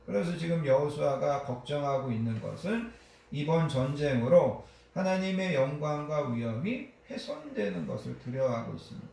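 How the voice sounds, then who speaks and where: A male pastor delivers a sermon in a lively, rising and falling voice with a gravelly edge. His words ring out in a very echoey church sanctuary. He pauses on fillers and acts out the prayers he quotes. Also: a little high. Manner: preaching with frequent fillers, acting out quoted prayers.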